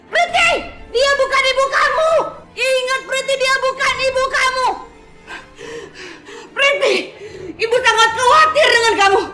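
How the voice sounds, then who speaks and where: Shrill scornful drama mother. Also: steady tone, unhurried, sharp tone, roomy sound, faint music behind, full character voice. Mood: pleading. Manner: accusing, mocking, insistent. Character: scornful scheming Indian mother, middle-aged woman. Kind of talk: dubbed TV drama.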